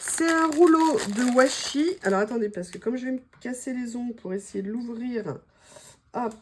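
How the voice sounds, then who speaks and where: A woman with a French accent and a slightly hoarse voice, chatting casually to viewers as she opens her mail, gushing and full of fillers. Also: on the high side, moderate pace, slight background noise. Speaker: craft vlogger opening mail.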